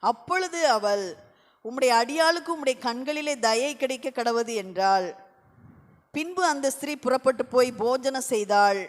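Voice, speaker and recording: A woman reading scripture aloud during a church service with a steady, even delivery. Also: sits high, normal speed. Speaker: scripture reader. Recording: distant in a reverberant church.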